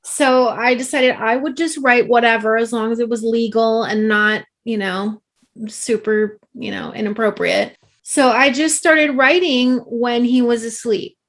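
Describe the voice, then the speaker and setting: A woman's voice: on the high side, fairly even intonation, measured pace. A woman author speaking as an interview guest, open and emotional, laughing often as she talks. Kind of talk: interview conversation.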